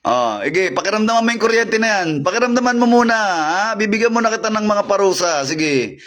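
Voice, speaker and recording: A man's voice: high voice, lively intonation, brisk, a bit bright. A man working as a faith healer on a live stream, issuing repetitive commands and interrogating a spirit. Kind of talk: live-streamed healing and exorcism.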